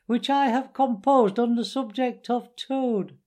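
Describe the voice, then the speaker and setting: A man voicing a gloating weasel chief in a high, squeaky voice, making mock-courteous speeches for a storybook. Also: unhurried, a little mellow. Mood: smug, mocking. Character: gloating weasel chief, mocking after-dinner orator and singer.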